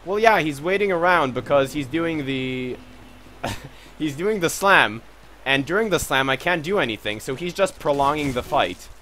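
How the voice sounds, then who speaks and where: A man's voice: on the high side, lively intonation, normal speed, pushed and bright, a little hiss or hum. A man commentating on his own gameplay in a casual, swearing, self-mocking way. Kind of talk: let's play commentary.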